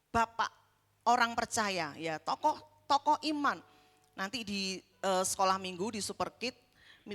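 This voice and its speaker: A woman with an Indonesian accent, preaching a sermon in a church and asking the congregation questions, with slow emphatic stresses. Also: on the high side, a bit bright, long reverb tail. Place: church hall.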